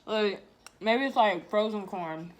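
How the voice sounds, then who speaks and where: A woman's voice: mid-range voice, slow pace, highs cut off, a little hiss or hum. A woman chatting casually for a mukbang, chewing as she talks and humming over her food. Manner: chewing while talking, with savoring hums. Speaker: mukbang host. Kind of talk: casual mukbang chat while eating.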